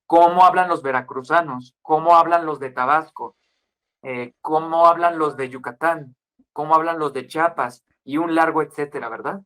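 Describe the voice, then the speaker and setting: Chatting casually as a podcast guest, this twenty-something man with a Guadalajara accent from Mexico gives long explanations full of examples and frequent tag questions, in a lecturing way. He speaks at normal speed in a somewhat high, slightly bright, clear and resonant voice.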